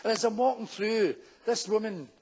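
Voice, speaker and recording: High-voiced Glaswegian man telling stand-up stories. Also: darkish tone, slightly rough. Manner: brisk anecdotal delivery, acting out characters. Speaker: stand-up comedian. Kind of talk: live stand-up storytelling.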